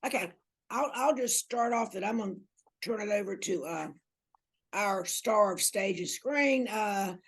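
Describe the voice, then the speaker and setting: A woman co-chairing a committee meeting over a video call, relaxed and laughing, trailing off into fillers. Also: mid-range voice, a little slow, husky. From North Carolina. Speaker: committee co-chair, elected official.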